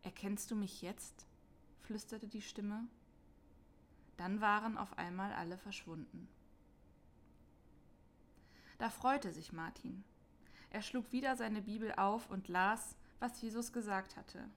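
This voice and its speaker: A woman calmly narrating a scripted Christmas story for children in a clear reading voice. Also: mid-range voice, a little slow.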